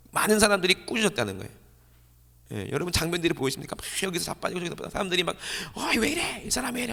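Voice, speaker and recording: A male pastor preaching a sermon, animated, asking the congregation questions and answering them himself. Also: on the high side. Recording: church hall reverb.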